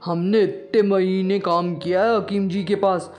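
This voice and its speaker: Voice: mid-range voice, steady tone, darkish tone, soft background music, natural voice. Someone doing a bragging naive young would-be healer. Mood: boastful. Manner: bragging, self-important. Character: boastful naive young man posing as a healer. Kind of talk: comic audio story acting.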